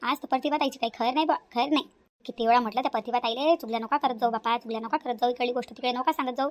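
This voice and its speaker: A woman's voice: on the high side, fairly even intonation, rapid-fire, natural voice. A woman voicing a gossiping village housewife in a cartoon, speaking. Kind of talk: cartoon voice acting.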